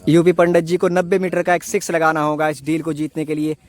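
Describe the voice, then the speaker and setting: A man giving excited live ball-by-ball cricket commentary, announcing each delivery with repeated stock phrases. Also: a little high, fast talker.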